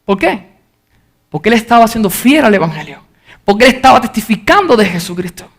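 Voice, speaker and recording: A man preaching an earnest sermon as pastor, reading scripture aloud and shouting out the crowd's cries when he retells them. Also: high voice, big pitch swings, a little fast, creaky.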